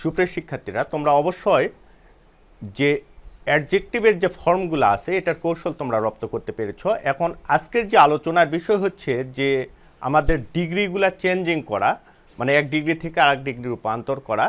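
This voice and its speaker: A man's voice: a little high, lively intonation, a little fast. A male English teacher from Bangladesh giving an online lesson to students, explaining step by step and spelling words out letter by letter. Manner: addresses students directly, repeats himself.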